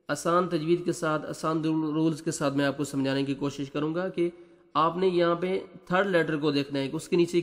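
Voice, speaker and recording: A man teaching Quran recitation. He spells out letters and vowel marks in brisk explanation, then recites verses in a slow, drawn-out chant. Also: a little high, big-room sound.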